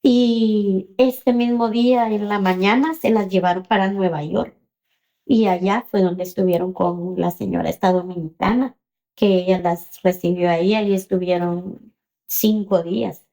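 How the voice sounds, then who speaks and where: A woman, telling her own story in an interview with hesitant pauses and many fillers. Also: medium pitch, fairly even intonation, mellow. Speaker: interview guest.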